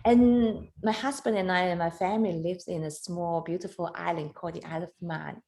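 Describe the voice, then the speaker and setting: Her voice is lowish and gravelly: a woman in her thirties from Hong Kong who works as a photographer and competition judge. On a casual video call interview she speaks halting English, lively and laughing a lot.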